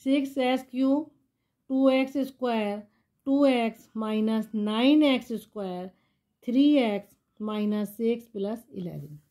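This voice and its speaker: A woman's voice: a little high, a little slow, warm tone. A woman maths teacher explaining polynomial division step by step, patiently asking the class questions and answering them herself.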